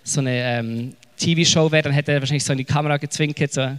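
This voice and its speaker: Swiss German man giving a relaxed sermon, slightly higher voice, hunts for words, retells Bible stories in everyday speech. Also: brisk, clean tone, long reverb tail. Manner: searching for words, frequent fillers and restarts; retells scripture in casual, lively paraphrase. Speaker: preacher.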